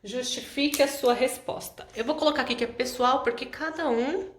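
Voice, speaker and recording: Patient Brazilian teacher in an echoey room. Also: female voice, sits high, normal speed. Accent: Brazilian Portuguese. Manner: patient, explanatory, checks in with frequent "tá?". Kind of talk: correcting homework exercises.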